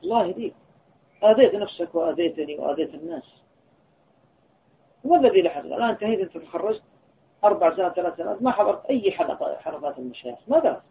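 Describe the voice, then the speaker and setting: A man's voice: high-pitched, very animated, rapid-fire, creaky, long pauses. A man, an Islamic scholar, giving an earnest religious lesson and telling a personal story of admonition. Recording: tinny lo-fi phone-like recording, faint hiss.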